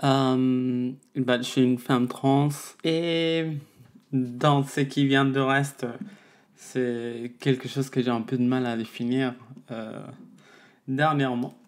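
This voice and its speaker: A woman, a musician answering interview questions in a halting way, searching for her words. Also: a bass voice, fairly even intonation. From Mexico. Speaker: guest, musician.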